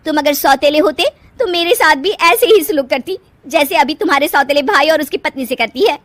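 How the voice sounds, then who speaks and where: A woman doing a shrill, spoiled young wife. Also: expressive, normal speed. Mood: demanding. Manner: shrill, demanding.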